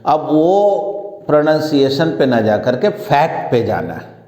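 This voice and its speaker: A man's voice: a little high, sing-song, dark tone. A man teaching a physics lecture, explaining step by step and slipping English science terms into his speech. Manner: slow, explanatory, mixes English terms into Hindi. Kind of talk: classroom lecture. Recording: echoey room with long reverb.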